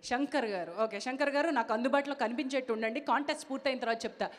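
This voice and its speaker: High-voiced woman anchor in a reverberant hall. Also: rapid-fire. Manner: lively, playful, mixes English phrases into her talk. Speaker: event anchor. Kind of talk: live stage hosting. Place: large event hall. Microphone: handheld stage mic. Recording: long reverb of a large hall.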